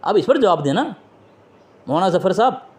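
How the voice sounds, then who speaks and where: A man with a high-sitting voice and big pitch swings speaks at a moderate pace on a phone call. He interviews someone and debates religion, pressing his questions insistently and quoting from books and scripture.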